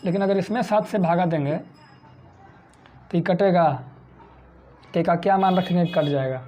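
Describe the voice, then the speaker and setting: A man's voice: sits high, normal speed, mellow. A man from India teaching a math lesson for exam prep, who keeps asking his own questions and answering them.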